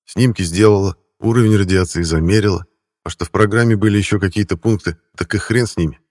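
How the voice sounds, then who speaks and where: Deep-voiced male audiobook narrator. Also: fast talker, darkish tone, no echo, clean studio sound. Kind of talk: first-person audiobook narration.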